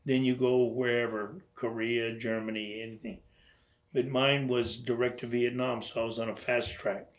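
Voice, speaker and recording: An older man recounts his memories in an oral history interview, speaking in a conversational storytelling way. He stumbles and restarts often and slips into the voices of people he quotes. His pitch sits in an ordinary middle range. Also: flat delivery. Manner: storytelling, acts out quoted dialogue, halting restarts. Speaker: interviewee, veteran.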